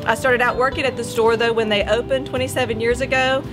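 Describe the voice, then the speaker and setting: A woman's voice: fairly high pitch, fairly even intonation, fast talker. An American woman in her forties casually introducing herself and her marketing role in a family business. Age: 40s. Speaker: marketing and public relations manager. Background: music.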